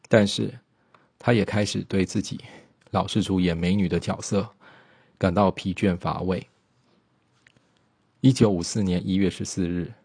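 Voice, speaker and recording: Low gravelly male documentary narrator. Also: no room sound. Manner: steady storytelling with small slips.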